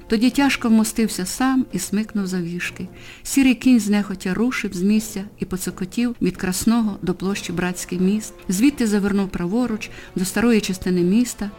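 A woman narrates a story with lively, expressive phrasing and a mellow, unbright voice at an ordinary pitch. Faint music plays softly behind her. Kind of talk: audiobook narration.

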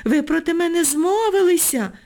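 A woman voicing a bossy, proud Soviet schoolgirl who lectures and scolds in indignant, shrill outbursts. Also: expressive, normal speed. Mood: haughty.

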